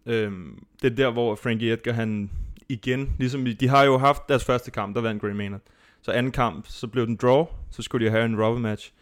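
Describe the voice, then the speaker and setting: A man's voice: medium pitch, hardly any pauses. Rambling male podcast host. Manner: rambling, animated storytelling. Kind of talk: casual chat about fighting.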